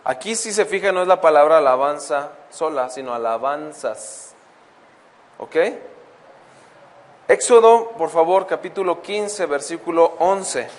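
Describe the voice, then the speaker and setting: A man with a fairly high voice teaches a Bible lesson from the pulpit. He reads scripture slowly and keeps turning to the congregation with questions. His words ring out with a long reverb, as in a church hall. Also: animated. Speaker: preacher.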